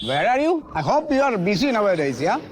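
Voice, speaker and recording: A pompous, high-voiced showoff. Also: male voice, very animated, very slow, a little hiss or hum, exaggerated voice. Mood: showing off. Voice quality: pompous, forced English. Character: pompous newly rich man showing off English. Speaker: sitcom character. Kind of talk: TV comedy acting.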